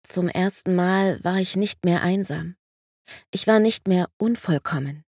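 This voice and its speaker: Low-voiced woman reading an audiobook. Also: a little slow, a little mellow, slightly rough, no echo, clean studio sound. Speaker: audiobook narrator.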